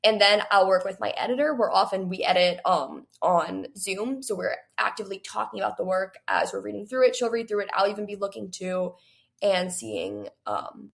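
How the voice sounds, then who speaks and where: This guest author, a woman of eighteen, has a mid-range voice with vocal fry. Chatting casually about writing in an interview, she wanders through her thoughts, leaning on "like" and quoting things she tells herself.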